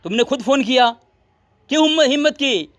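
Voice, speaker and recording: A man in a heated religious debate, speaking to the listeners, mocking his opponent and ordering him to stay quiet. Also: very high-pitched, expressive, fairly quick, dry recording. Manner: commanding, demands silence, mocking.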